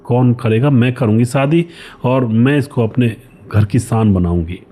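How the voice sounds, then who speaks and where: A man voicing a young woman in a spoken storybook tale, hushed yet resolute. The voice stays warm and subdued. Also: medium pitch, a little slow, close to an everyday voice.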